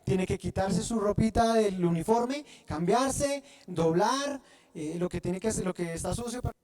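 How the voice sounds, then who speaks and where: A man preaching a sermon, often pausing to have the congregation fill in the word, and restarting phrases as he goes. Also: high voice, expressive, crowd noise. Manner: asks the congregation to fill in words. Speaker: pastor.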